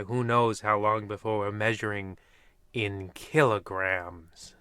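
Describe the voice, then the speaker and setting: A man parodies a 1950s radio anthology host, playing an ominous, wry old-time horror presenter who is theatrical and portentous with dry jokes. His voice is lowish, bright and forceful, with a clean tone and no echo.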